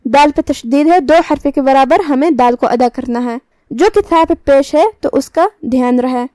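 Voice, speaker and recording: A woman teaching Quran recitation, explaining each letter's pronunciation step by step and reciting the verses slowly. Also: high voice, dark tone, no room sound. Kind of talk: tajweed lesson with slow recitation.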